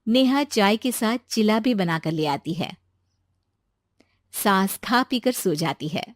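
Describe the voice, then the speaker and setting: A woman narrator tells a scripted family story at a measured pace. The recording is dry and close. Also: mid-range voice, animated, no echo.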